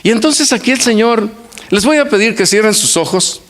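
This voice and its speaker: An older man delivers a church sermon in a fairly high voice. He preaches earnestly, repeating key phrases for emphasis and slipping into warm, folksy anecdotes between his points. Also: animated, moderate pace. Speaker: pastor.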